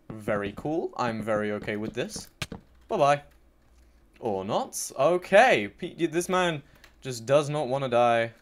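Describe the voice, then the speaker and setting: Gaming YouTuber, male, lower register, dry self-mocking brag over gameplay, light clicking under the voice. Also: slight background noise. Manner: mock-boastful, joking, self-mocking. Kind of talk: sarcastic gameplay commentary. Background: faint keyboard and mouse clicks.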